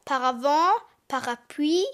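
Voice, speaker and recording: A woman's voice: high-pitched, takes it slowly, fairly bright tone. A woman reading out quiz questions in a sing-song questioning manner.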